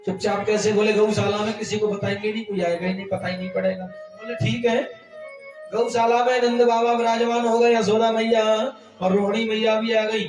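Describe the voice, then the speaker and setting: High-voiced man telling a devotional story. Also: level tone, moderate pace, roomy sound, distant mic, over music, rough recording. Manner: tells the story in voiced dialogue, breaks into sung Sanskrit verses. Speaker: kathavachak, storyteller preacher. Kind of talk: devotional scripture recitation and storytelling.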